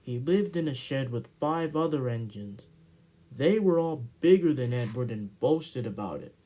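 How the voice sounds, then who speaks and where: A man narrating a children's storybook aloud in an amateur, expressive read-aloud style. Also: medium pitch, a little slow.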